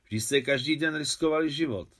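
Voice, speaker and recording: A spirited woman in a storybook reading, as a man puts her on, lively and emphatic. She speaks somewhat higher than the narrator's own voice, with brisk, animated phrasing. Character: spirited middle-aged woman driver.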